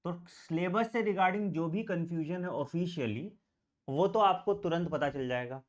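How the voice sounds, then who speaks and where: A man's voice: fairly high pitch, unhurried. A middle-aged man teaching exam biology to camera, addressing students fatherly as "beta" and checking in often. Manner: fatherly, calls students beta, frequent tag "theek hai". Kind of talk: exam prep lesson to camera.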